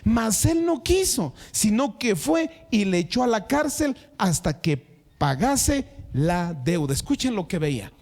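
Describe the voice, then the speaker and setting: Male pastor, high voice, emphatic preacher who talks straight to his congregation. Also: big pitch swings, a little slow, darkish tone. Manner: emphatic, repeats words for stress; addresses the congregation directly. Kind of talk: sermon.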